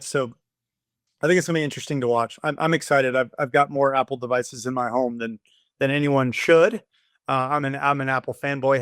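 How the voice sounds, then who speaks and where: A man's voice: mid-range voice, fairly bright tone, no echo, clean studio sound. A man being interviewed on a podcast, enthusiastic and often repeating words as he restarts his sentences. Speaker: guest, design studio founder.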